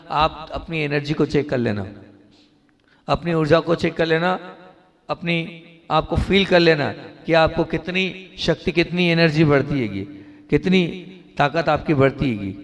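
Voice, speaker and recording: Higher-voiced monk preaching in an echoing hall. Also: male voice. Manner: instructive, repeatedly asks the audience questions; drawn-out sung chanting of mantra syllables. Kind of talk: devotional sermon and pronunciation lesson.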